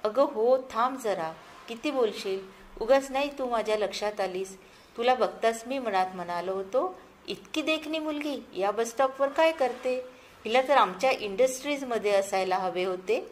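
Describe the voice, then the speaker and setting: A woman voicing a young male photographer who speaks in a calm, advising way. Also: fairly high pitch, normal speed, a little hiss or hum, natural voice. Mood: fond.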